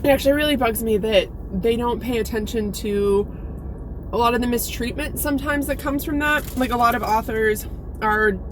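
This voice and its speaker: A woman's voice: fairly high pitch, moderate pace, background noise. A woman from Alaska with an American accent chats casually to her viewers in a candid, informal, sweary way, like a vlogger. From Alaska, United States. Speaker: YouTube book reviewer and vlogger. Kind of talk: casual vlog chat. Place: inside a parked car.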